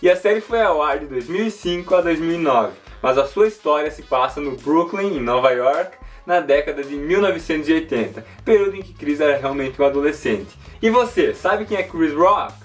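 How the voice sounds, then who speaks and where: A Brazilian English teacher talks through a video lesson in a slightly high voice, slowing down to model the words. Soft guitar music plays behind him. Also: male voice, lively intonation. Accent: Brazilian Portuguese. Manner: clear, slows down to model words.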